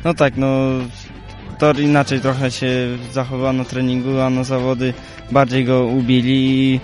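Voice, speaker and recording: Flat-voiced young male rider. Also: mid-range voice, normal speed, soft background music. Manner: plain, brief answers with fillers. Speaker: junior speedway rider. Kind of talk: post-race interview.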